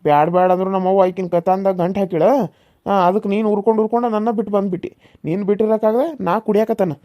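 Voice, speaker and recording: A woman's voice: medium pitch, steady tone, fast talker, warm tone, no echo, studio quality, close to an everyday voice. A woman voicing a self-pitying village husband who drinks in a cartoon serial, whining in a North Karnataka accent. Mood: grumbling. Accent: North Karnataka Kannada.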